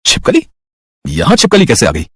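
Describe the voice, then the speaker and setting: A woman doing a husky, shy young husband. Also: rumbling low, huge pitch swings, moderate pace, no room sound, studio quality, pitched below the performer's own voice, exaggerated voice. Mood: worried. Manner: hesitant, then stern. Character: young husband, shy and uneasy, then firm. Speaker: narrator voicing a character. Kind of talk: storybook narration.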